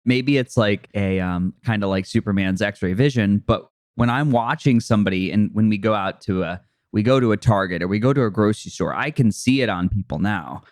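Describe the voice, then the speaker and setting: A man hosting a podcast, talking in a relaxed, chatty way with lots of fillers. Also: on the low side, fairly quick, hardly any pauses, no room sound, studio quality. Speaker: podcast host. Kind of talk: casual interview chat.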